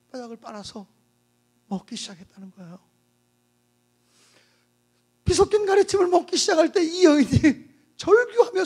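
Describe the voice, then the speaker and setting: A revival preacher telling a story in a sermon, dramatic and swinging between hushed and loud. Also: sits high.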